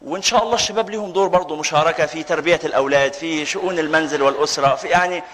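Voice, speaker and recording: Egyptian sheikh guy talking super fast to a lecture room, jokey, on a mic. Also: fairly high pitch, a bit bright. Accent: Egyptian Arabic. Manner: joking, teasing his audience. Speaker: sheikh giving a lecture course. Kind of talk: live religious lecture with banter. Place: lecture room with a live audience. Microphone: handheld or stand mic, with some feedback whistle.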